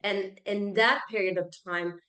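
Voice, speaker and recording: Her medium-pitched voice is steady and sharp in tone, and she doesn't rush. A native French speaker from France with a French accent, she's a keynote speaker, coach and author answering interview questions in an emphatic, confident, conversational way, and the sound is roomy and echoey.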